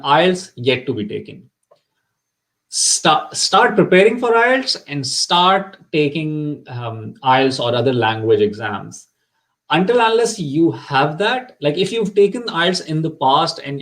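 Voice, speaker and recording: Offering earnest immigration guidance in a live session, a middle-aged consultant, Urdu being his first language, leans on lots of fillers and repeats words often. His voice is mid-range, and the audio is poor.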